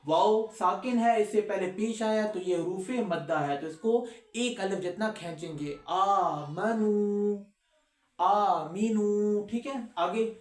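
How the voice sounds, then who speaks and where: A man teaching recitation rules, who recites verses slowly and drawn out between quick explanations and asks his students questions. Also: high voice, darkish tone, echoey room. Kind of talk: recorded lesson with slow recitation.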